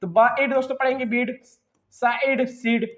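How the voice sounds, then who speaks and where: A man's voice: extremely high pitch, steady tone, fairly bright tone. Man drilling English phonics in an echoey room. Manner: drills syllable blends slowly, then talks fast between sets. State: unwell, coughing. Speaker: English reading teacher. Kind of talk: slide-based phonics lesson.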